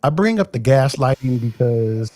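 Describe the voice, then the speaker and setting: Mellow dry-humored man in his forties. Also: mid-range voice, lively intonation, moderate pace, a little hiss or hum. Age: 40s. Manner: wry, teasing humor. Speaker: podcast co-host. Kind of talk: casual chat.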